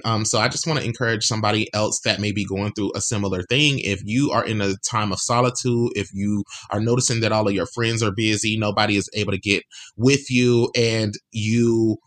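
Bright-voiced earnest man, motivational podcast. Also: lowish voice. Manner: earnest, encouraging, repeats phrases for emphasis, stretches words slowly. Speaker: podcast host. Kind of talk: motivational solo podcast talk.

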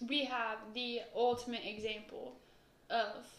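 A woman co-hosting a casual Bible discussion, relaxed and playful, often saying "like.". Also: fairly high pitch, unhurried. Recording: echoey room with faint noise.

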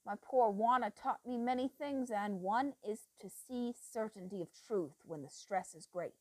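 A feverish, obsessive old doctor, as a woman reads him, speaking low and slow with a dry, close sound. His intense murmur breaks without warning into loud, heated bursts. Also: no echo, lightly acted. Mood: menacing, obsessive.

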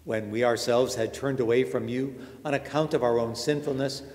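Priest praying with a cathedral echo. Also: male voice, medium pitch, fairly even intonation, a little mellow. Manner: measured, solemn liturgical recitation. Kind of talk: reciting Mass prayers. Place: large church. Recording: long cathedral reverb.

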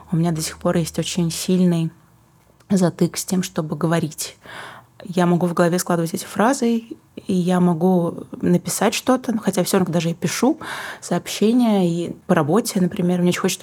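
Reflective and low-voiced with a husky quality, this young Kazakh woman is an interview guest who works as a singer and book publisher. Her answers are thoughtful, with pauses to find words and gentle asides.

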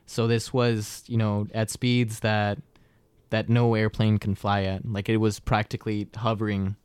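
A smooth, fairly deep American man hosts a podcast and tells stories, wordy and prone to casual asides. His delivery is flat, a little slow and a little mellow, and the recording sounds dry and close.

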